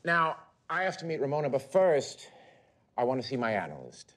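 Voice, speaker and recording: A man's voice: mid-range voice, big pitch swings, brisk, a bit bright. A man giving rambling, neurotic first-person comic narration in a mockumentary. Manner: neurotic, self-absorbed, rambling.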